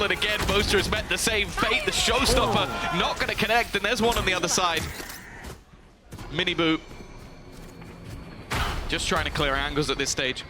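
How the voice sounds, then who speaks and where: A man's voice: a little high, background noise. A man working as an esports caster, giving live play-by-play and analysis of a match.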